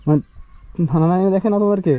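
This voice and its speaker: A man's voice: high voice, racing, narrow, tinny audio. A man vlogging from a village, asking poor children question after question, his voice pleading and often breaking with tears. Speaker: vlogger visiting a poor family. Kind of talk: emotional on-the-spot questioning.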